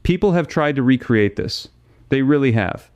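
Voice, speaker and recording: Smooth-voiced male documentary narrator. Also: medium pitch, lively intonation, normal speed, a little mellow, no echo, highs cut off. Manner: dramatic, addresses listener directly with rhetorical questions.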